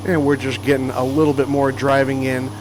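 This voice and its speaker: A man at an ordinary pitch talks through his truck-driving game in a loose, rambling way, full of ums and self-corrections. A faint hum of engine noise sits under his voice. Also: little pitch movement, a little fast. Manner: rambling, with frequent fillers and restarts. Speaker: gaming channel host. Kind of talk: casual gameplay commentary.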